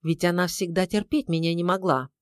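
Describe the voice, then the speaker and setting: A woman's voice: lowish voice, steady tone, a little fast, no echo, clean studio sound, close to an everyday voice. A woman voicing the anxious, suspicious inner thoughts of a young woman.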